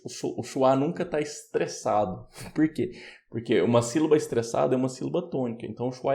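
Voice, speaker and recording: A man with a Brazilian Portuguese accent teaching English pronunciation, patiently explaining and repeating words slowly. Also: mid-range voice, creaky, dark tone. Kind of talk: online pronunciation lesson.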